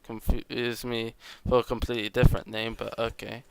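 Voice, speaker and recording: A man's voice: medium pitch, little pitch movement, normal speed, creaky, smooth, no echo. A young man from the Netherlands, streaming a driving game, teasing his co-host and explaining things patiently. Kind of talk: casual chat while gaming.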